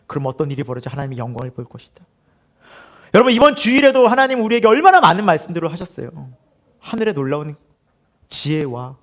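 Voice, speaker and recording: A male pastor delivers a midweek sermon in a high, lively voice that leaps up and down as he preaches. He keeps turning to the congregation with questions and breaks into laughter often. He acts out the voices he quotes. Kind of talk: sermon at a midweek prayer service.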